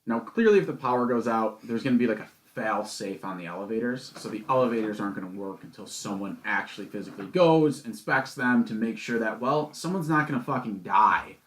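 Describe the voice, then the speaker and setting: A man's voice: lowish voice, lively intonation, brisk, hardly any pauses, fairly bright tone. A man co-hosting a podcast, telling stories in casual chat with an exasperated, swearing manner. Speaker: podcast co-host. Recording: echoey room.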